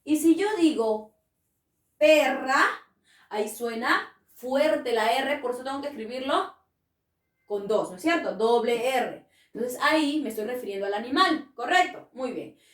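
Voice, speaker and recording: A woman's voice: on the high side, expressive, moderate pace. Lady teacher quizzing kids, patient, echoey room, sounds a bit far from the mic. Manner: patient, coaxing, asks the class questions. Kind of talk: spelling lesson for children.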